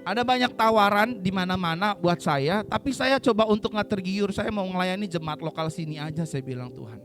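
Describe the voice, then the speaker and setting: A man with a very high voice and an Indonesian accent preaches in a church, quiet music playing underneath. He is lively and playful, joking with the congregation and leading them in call-and-response. He acts out the characters when he tells Bible stories. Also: fairly quick. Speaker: pastor. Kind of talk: sermon.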